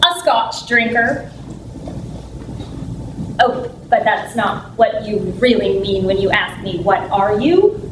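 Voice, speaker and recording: A woman's voice: mid-range voice, slow pace, pauses often. A woman from San Francisco performing her solo stage show as an actress, speaking in a sassy, effusive, comic way. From San Francisco, United States. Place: theater stage. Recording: echoey room from far off, noisy.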